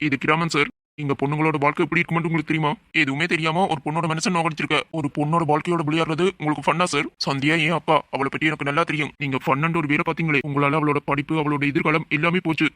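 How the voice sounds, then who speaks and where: A man's voice: on the high side, flat delivery, very fast, pushed and bright, no echo. A man voicing a stern, lecturing young villager. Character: righteous young village man defending his sister. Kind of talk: cartoon voice acting.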